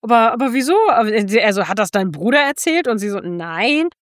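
A woman's voice: on the high side, brisk, no echo, clean studio sound. A woman co-hosting a casual talk show, retelling scenes with acted quotes and frequent laughter. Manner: laughs often, animated retelling with quoted voices. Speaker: podcast co-host.

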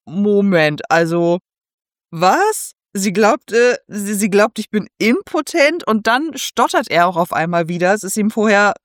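A woman's voice: medium pitch, measured pace, no echo, clean studio sound. A woman co-hosting a casual talk show, retelling a book scene and acting out the characters' lines. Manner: retells scenes with lively quoted voices. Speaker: podcast co-host. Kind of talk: casual book discussion with acted quotes.

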